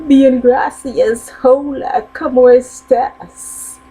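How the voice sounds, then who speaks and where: A woman voicing a scolding pet parrot that squawks the same threats again and again in a high voice. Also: steady tone, very slow, mellow, slightly rough, heavily acted, low-quality recording. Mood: chirpy. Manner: high squawking repeated chant.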